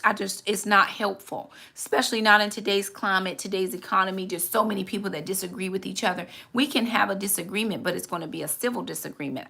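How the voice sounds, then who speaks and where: Earnest woman in her forties with a gravelly edge. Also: mid-range voice, pushed and bright. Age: 40s. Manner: earnest, candid, repeats words while gathering thoughts. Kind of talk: reflective faith talk.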